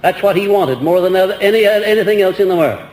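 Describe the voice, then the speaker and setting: A man's voice: sits high, fast talker, a little mellow. An older man giving an earnest, rambling lecture to an audience, heard on an old archival recording. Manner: earnest, rambling with restarts and rhetorical questions. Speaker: lecturer answering audience questions. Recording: echoey old hall recording with faint hiss.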